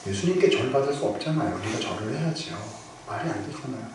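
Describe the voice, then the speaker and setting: A male pastor preaching a storytelling sermon, moving between loud bursts and hushed near-whispers. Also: medium pitch, lively intonation, fast talker. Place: church sanctuary. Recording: very echoey hall, from far off, noisy.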